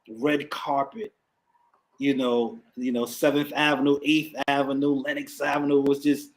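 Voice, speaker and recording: A man's voice: medium pitch, a little mellow, low-quality recording. A man in his fifties with a New York accent, a hip hop artist telling his story as an interview guest, reflective and a little emotional, repeating words often. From the Bronx, New York. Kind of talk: casual interview conversation.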